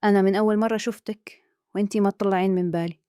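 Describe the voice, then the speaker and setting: A woman with a Kuwaiti accent voicing a calm, scheming man who speaks in a hushed, persuasive way. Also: medium pitch, rapid-fire, clear, resonant tone, dry recording, studio quality, natural voice. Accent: Kuwaiti Arabic.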